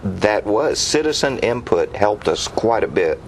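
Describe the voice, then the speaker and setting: A man's voice: fairly low pitch, sing-song, unhurried, rough recording. A man speaking as an interviewed police official, earnest and urging in a conversational way. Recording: faint background noise.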